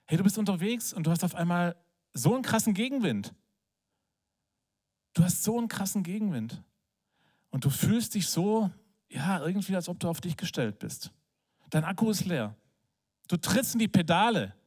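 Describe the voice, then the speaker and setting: Man preaching a casual, animated sermon. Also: high-pitched, moderate pace, pauses often. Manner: conversational, animated storytelling with filler words; soft, hushed prayer. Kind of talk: sermon with personal story and prayer.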